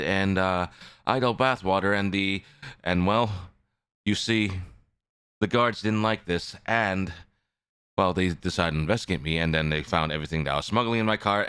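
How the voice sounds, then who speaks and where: A man's voice: sits low, a bit bright, clear, resonant tone, no room sound, clean studio sound. A man chatting casually on a livestream as the host, rambling and often repeating his phrases. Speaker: live streamer, VTuber host. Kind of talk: casual livestream chat with viewers.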